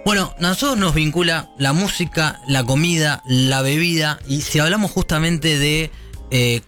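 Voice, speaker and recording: A man's voice: a little high, moderate pace, a bit bright, faint music behind. A man with an Argentine accent hosting an evening radio show, chatting loosely with many fillers and restarts. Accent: Argentine Spanish. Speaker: radio host. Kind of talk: casual radio chat.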